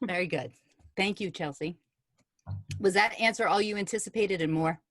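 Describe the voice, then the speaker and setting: A woman's voice: mid-range voice, moderate pace, a bit bright. A woman radio host on a video call, running a fan question session in an upbeat, teasing way. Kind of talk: hosting a fan Q&A.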